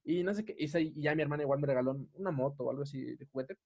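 A man's voice: a little high, rapid-fire, a little mellow. A young man with a Mexican Spanish accent, telling a story in a casual podcast chat and laughing often.

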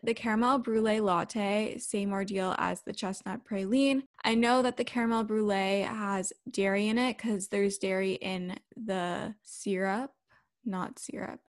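A woman in her twenties hosts a solo podcast in a casual, conversational style. She talks directly to listeners and moves between chatting and sponsor reads, at a middle pitch for a woman. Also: steady tone, measured pace. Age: 20s. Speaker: podcast host.

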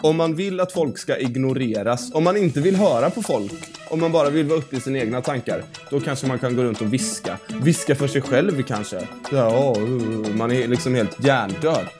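A man's voice: mid-range voice, music in the background. A man in a comic podcast debate, arguing emphatically and mockingly, swearing now and then.

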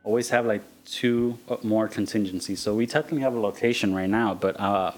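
A man with a slightly low voice hosts a casual podcast. He talks informally in halting phrases, with faint music behind him. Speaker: podcast host.

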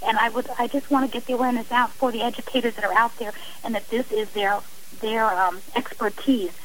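Fairly high in pitch and fairly bright, this middle-aged woman's voice holds a steady tone while moving a little fast. She is a radio interview guest speaking out against domestic violence in long, passionate, emphatic appeals, captured on poor, hissy audio.

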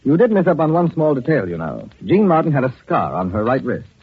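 Philo Vance, a suave raspy detective. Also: male voice, medium pitch, huge pitch swings, a little fast, full character voice. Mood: urbane. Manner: urbane, dryly ironic. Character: suave wealthy male gentleman detective, dry and urbane. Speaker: amateur detective. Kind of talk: 1940s radio acting. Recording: tinny 1940s radio broadcast.

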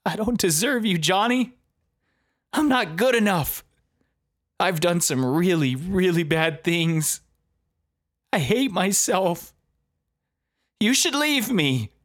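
A man's voice: high-pitched, very animated, takes it slowly, long pauses, pushed and bright, voice pushed up, exaggerated voice. A man voicing a distraught young pregnant woman, drunk and weeping, who pleads and runs herself down. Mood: tearful. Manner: pleading, self-loathing.

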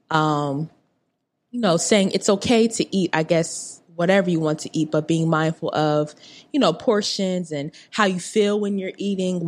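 A woman in her late twenties chatting casually on a podcast, rambling with lots of fillers and asides. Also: lowish voice. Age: 20s. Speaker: podcast guest. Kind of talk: casual chat.

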